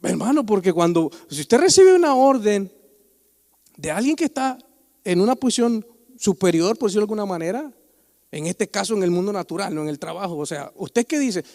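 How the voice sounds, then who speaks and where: A man with a high voice delivers a Sunday sermon, mixing humor with earnest exhortation and talking to his congregation like a brother. His words ring out with a long reverb through the church sanctuary. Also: expressive, fairly quick, creaky, mellow. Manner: joking, conversational preaching, often calling the listener "hermano". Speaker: preacher.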